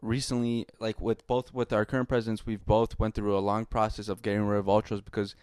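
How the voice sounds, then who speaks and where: A man co-hosting a podcast, calmly breaking down football plays in casual chat with many "you know" fillers. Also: on the low side, a little fast, smooth, dry recording, studio quality. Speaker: podcast co-host.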